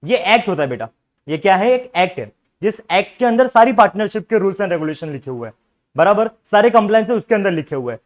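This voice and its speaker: Man, high voice, commerce lecture, quizzing and repeating, coaxing tone. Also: animated, brisk. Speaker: commerce teacher. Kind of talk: classroom lecture.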